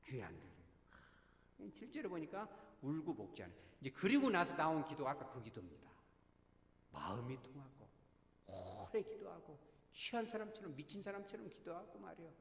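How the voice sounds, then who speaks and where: A man's voice: fairly high pitch, huge pitch swings, fairly quick, vocal fry, a little hiss or hum. A man, a pastor, preaching a sermon to his congregation, often asking them questions and acting out the voices of people in the story. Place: church sanctuary. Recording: echoey church hall.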